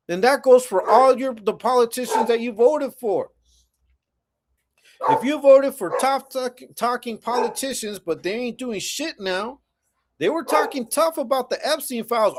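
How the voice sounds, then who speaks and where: A man's voice: high-pitched, background noise. A man hosting a livestream, ranting bluntly and profanely while answering chat comments in a confrontational, mocking way. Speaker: livestream host.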